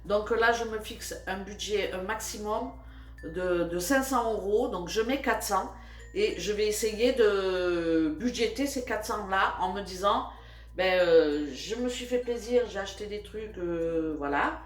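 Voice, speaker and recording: An older woman, chatting casually about her budget, with many fillers and pauses. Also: medium pitch. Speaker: vlogger. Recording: roomy, from a distance, faint music.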